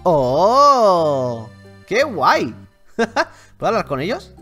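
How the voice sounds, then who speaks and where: A man with a Spain Spanish accent commenting on his video game playthrough, excitable, with loud exclamations and slang. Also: sits high, very slow, faint music behind. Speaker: gaming youtuber.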